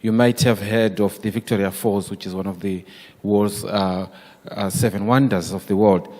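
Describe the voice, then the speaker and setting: A man from Zimbabwe introducing himself at a conference in a relaxed way, with hesitant fillers. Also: fairly low pitch, moderate pace. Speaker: conference delegate. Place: large conference hall stage. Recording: long hall reverb.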